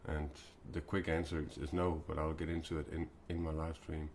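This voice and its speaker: A Danish man in his forties hosting a spiritual live stream, talking haltingly with many fillers and restarts. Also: very deep voice, flat delivery, darkish tone, a little hiss or hum. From Denmark.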